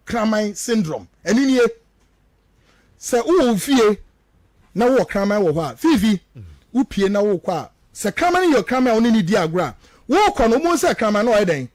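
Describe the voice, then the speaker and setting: A Ghanaian man with a high-sitting voice gives emphatic, repetitive political commentary, switching between two languages and full of rhetorical turns. The recording is dry.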